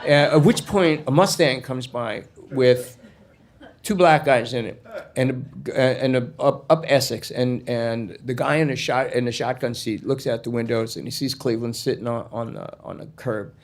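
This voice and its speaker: A man telling a story in an animated, digressive way, full of asides. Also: mid-range voice, moderate pace. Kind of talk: spoken storytelling.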